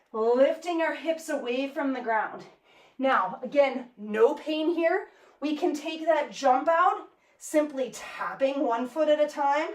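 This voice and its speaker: A woman fitness instructor cueing a workout class energetically while exercising, counting out reps. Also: high-pitched. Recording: echoey room, mic at a distance.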